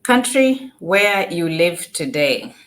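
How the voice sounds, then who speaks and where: Here a Kenyan-accented woman sounds very animated yet speaks slowly, her pitch fairly low and her tone fairly bright. She explains an informal screen tutorial step by step, circling back to repeat and rephrase.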